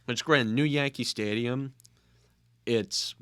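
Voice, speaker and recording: Young male podcast host, bright and dry, casual joking chat. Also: mid-range voice, slow, smooth, dry recording. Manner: joking, rambling with restarts.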